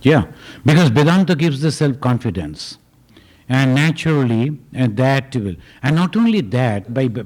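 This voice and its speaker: A man, a swami, answering questions at a retreat in a slow, deliberate way, often chuckling as he explains. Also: fairly high pitch, darkish tone. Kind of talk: spiritual Q&A talk. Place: retreat gathering hall.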